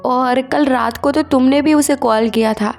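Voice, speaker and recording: A woman's voice: sits high, unhurried, creaky. Woman playing a drunk, raging young man. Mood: accusing. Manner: loud angry demanding outbursts. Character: drunk furious young male star, snapping at everyone.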